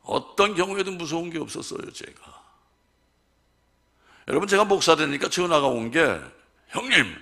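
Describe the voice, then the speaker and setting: An older male pastor giving a testimony sermon, telling stories animatedly and acting out conversations, swinging from loud exclamations to hushed asides. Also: fairly high pitch, moderate pace, pauses often. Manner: animated storytelling, voicing his wife and others in dialogue.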